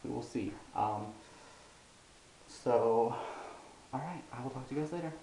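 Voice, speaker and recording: A man's voice: mid-range voice, measured pace, creaky, dark tone. A young man talking casually in a personal vlog, rambling and hesitant with many ums and restarts. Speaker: vlogger. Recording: roomy echo, faint hiss.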